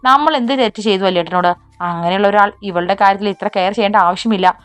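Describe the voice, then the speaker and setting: A woman's voice: mid-range voice, fast talker, clean tone, no room sound, soft background music, lightly acted. A woman voicing a teasing, hot-headed younger brother in a romance audiobook. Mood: resentful. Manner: teasing, then resentful.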